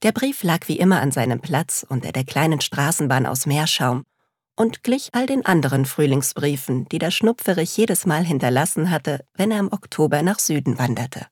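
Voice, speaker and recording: Woman reading a kids story, low-ish husky voice, dry sound. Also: no room sound. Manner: slow, calm, measured reading. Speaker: narrator.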